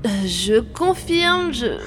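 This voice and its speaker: A woman's voice: a little high, big pitch swings, takes it slowly. A woman dubbing a game's heroine, who trips over her words and jokes about the slips, with game music playing behind her. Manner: stumbling on words, self-mocking. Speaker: fan dubber playing the heroine. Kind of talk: game fan dub with asides.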